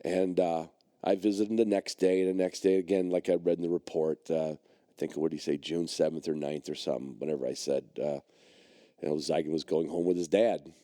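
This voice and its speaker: Man, middle-aged, low voice, dry sound, rambling storyteller, podcast host. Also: steady tone, fairly quick, mellow, no room sound. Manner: rambling, heavy on fillers and restarts. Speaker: podcast host and dog trainer.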